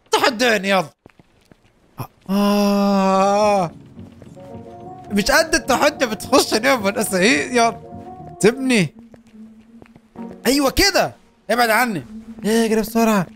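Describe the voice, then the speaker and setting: A young man with an Egyptian Arabic accent giving excitable, joking commentary as he plays a game. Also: high voice, measured pace, vocal fry, long pauses, faint music behind. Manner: excitable, joking, urging his character on. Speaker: gaming YouTuber. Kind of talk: Let's Play commentary.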